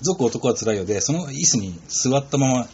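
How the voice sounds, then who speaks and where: A man's voice: mid-range voice, a little fast, slightly rough, highs cut off. A man chatting casually and enthusiastically, retelling scenes with lots of feeling. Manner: animated storyteller, acts out quotes. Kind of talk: casual chat about a TV drama.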